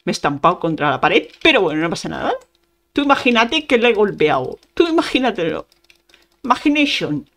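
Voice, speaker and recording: Playful woman gamer, lively pitch. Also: a little fast. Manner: playful, bursts of exclamations and sound effects. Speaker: gaming youtuber. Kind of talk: casual gameplay commentary.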